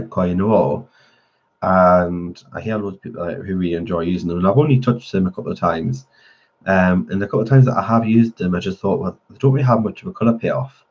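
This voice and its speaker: A low-pitched man is heard through dull audio. He hosts a colouring channel and chats in a relaxed way during a live stream as he colours, answering viewer comments, with a slight nasal quality from a cold he's getting over.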